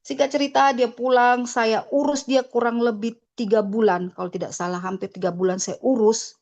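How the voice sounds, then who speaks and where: A woman's voice: on the high side, steady tone, normal speed, a little mellow. A middle-aged woman giving a personal church testimony, telling her story with feeling and acting out remembered conversations.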